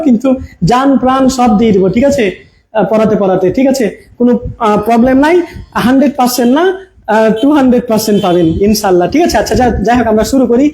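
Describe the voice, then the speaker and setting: His voice is very high and mellow, heard through a camera mic in a low-quality recording with a little background noise. He's leading an online grammar lesson at a projector, repeating the main points, questioning his audience constantly, and blending in English words.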